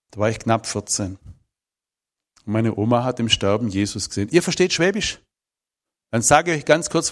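A man, telling his personal testimony in an emphatic, emotional way. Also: medium pitch. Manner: emphatic, emotional storytelling with shifting volume.

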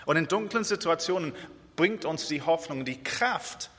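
A man from Israel preaching a sermon in German, earnest, with hesitations and slow repeated phrases for emphasis. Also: on the high side, lively intonation, a bit bright. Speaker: guest preacher. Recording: reverberant church hall.

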